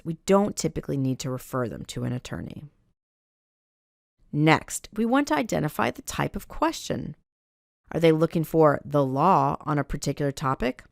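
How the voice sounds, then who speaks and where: A woman giving a scripted training narration for librarians, reading do's and don'ts in a measured, instructional way. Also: fairly low pitch, creaky, no echo, clean studio sound.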